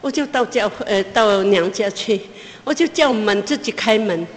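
Woman telling a testimony in a reverberant hall. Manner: pauses and restarts, pitch climbs as she relives the tension. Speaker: mother giving a personal testimony. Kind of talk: emotional spoken testimony.

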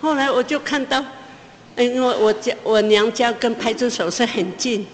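A mother recounting a personal testimony, stopping and restarting, her voice rising as the tension returns. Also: a little hiss or hum. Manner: pauses and restarts, pitch climbs as she relives the tension. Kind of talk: emotional spoken testimony. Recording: long hall reverb.

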